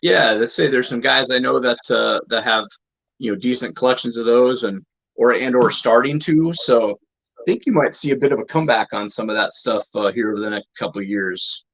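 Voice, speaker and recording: A man talks easily about snakes he has kept over the years. His voice has a gravelly fry to it. The audio is dull and lo-fi, as if it comes over a remote call. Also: medium pitch, fairly quick. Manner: relaxed, chatty, says "man" often. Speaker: guest reptile breeder. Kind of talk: casual chat.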